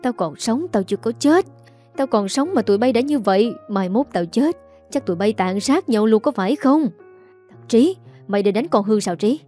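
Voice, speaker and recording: A woman voicing a frail old mother who shouts and scolds her quarrelling grown children, in a Southern Vietnamese accent. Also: a little high, expressive, normal speed, soft background music. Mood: furious scolding.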